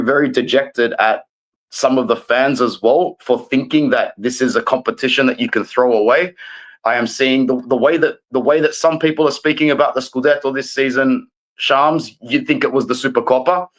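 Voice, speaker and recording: A man appearing as a guest fan, giving a passionate rant. He stays calm on the surface but presses every point hard, lecturing the other fans. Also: medium pitch, normal speed, poor audio.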